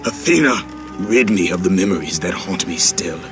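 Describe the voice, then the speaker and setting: Game antihero: vengeful Greek warrior, intense and declamatory, tormented, over a musical score. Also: male voice, sits low, expressive, moderate pace. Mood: anguished. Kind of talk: video game dramatic acting. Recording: music under the voice.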